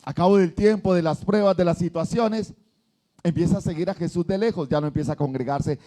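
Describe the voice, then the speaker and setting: A man preaches a sermon in a church. His voice sits high for a man. He talks animatedly and acts out what churchgoers say. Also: brisk, warm tone. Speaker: pastor.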